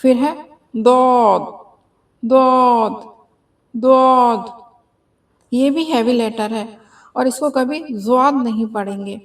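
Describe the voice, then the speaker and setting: A woman's voice: fairly high pitch, unhurried. A woman teaching beginners how to pronounce letters, repeating each sound three times and explaining patiently. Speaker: Quran reading teacher.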